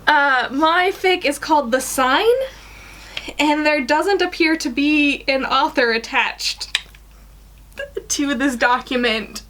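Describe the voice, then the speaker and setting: A woman in her twenties, a guest reader on a fan fiction livestream, reads a fan story aloud and chats informally from a small room at home. Her voice sits high and has a sharp tone, and she takes it slowly.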